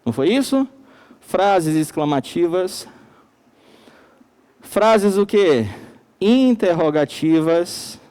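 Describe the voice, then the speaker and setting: A man with a Manaus accent teaching a recorded classroom lesson. He speaks slowly and emphatically, asking the class questions and then answering them himself. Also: sits high, expressive, darkish tone, clean tone. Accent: Brazilian Portuguese, Manaus. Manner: slow and emphatic.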